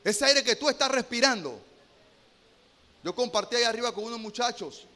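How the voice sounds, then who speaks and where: High, bright-voiced preaching pastor. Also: male voice, lively intonation, moderate pace. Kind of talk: sermon.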